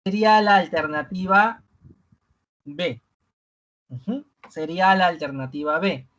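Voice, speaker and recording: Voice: medium pitch, a bit bright, dull audio. Docente con acento peruano, muletilla "¿no?". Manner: tags nearly every phrase with a questioning "¿no?"; repeats key words and examples slowly for emphasis. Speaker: teacher. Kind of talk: live online review class.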